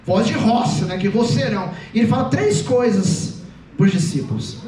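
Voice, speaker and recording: High-pitched man preaching, echoey hall. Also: normal speed, distant mic. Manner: animated, joking, acts out voices. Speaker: youth preacher. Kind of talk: lively comic youth sermon. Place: church hall.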